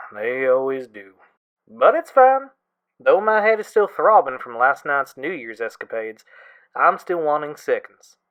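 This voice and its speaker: In an audio drama, a man plays a young friend who is wry, exasperated but affectionate, talking casually and gently complaining. His voice is medium-pitched, sing-song and a little slow, and the audio sounds dull.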